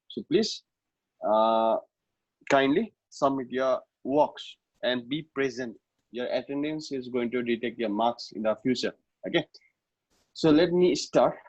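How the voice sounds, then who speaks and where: A male teacher with a Nepali accent explains things in a fast, slightly rough voice. He talks informally and circles back over his points with little check-in tags. The recording is dry and muffled, like lo-fi online class audio. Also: medium pitch, no echo. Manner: repetitive, frequently checking with short tags. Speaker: math teacher. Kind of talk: online lesson, explaining informally with code-switching.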